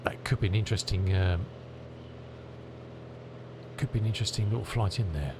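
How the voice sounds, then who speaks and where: A man with a lowish voice chats casually, thinking aloud as a flight sim streamer. A clear engine rumble runs behind him. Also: brisk. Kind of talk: casual chat while playing. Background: aircraft engine rumble.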